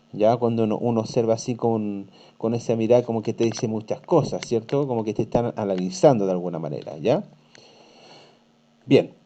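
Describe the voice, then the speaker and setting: A man's voice: mid-range voice, warm tone. A man teaching an online class, patiently reading and explaining a text, checking in often with "¿cierto?". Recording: dull lo-fi online class audio.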